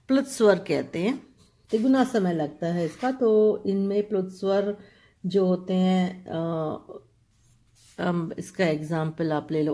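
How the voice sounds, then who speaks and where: Woman teacher, unhurried delivery, patient and repetitive, spells out letters one at a time. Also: mid-range voice. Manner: slow, repeats terms, checks with "ठीक है"; spells out letters one by one, writes as she explains. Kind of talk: classroom grammar lesson.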